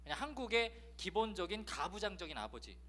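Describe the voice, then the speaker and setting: A man's voice: high voice, very animated, a little fast, bright, forceful tone. A male pastor giving a sermon, telling a candid personal story in a confessional tone and acting out the voices in it. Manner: acts out scolding voices in his story.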